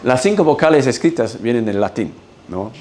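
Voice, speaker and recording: Man, Spanish, lecture delivery, mid-pitched voice, keeps checking listeners follow. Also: expressive, normal speed, darkish tone. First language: English. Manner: explains patiently, checks in with "¿no?" and "¿ok?". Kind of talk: university-style lecture. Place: lecture hall.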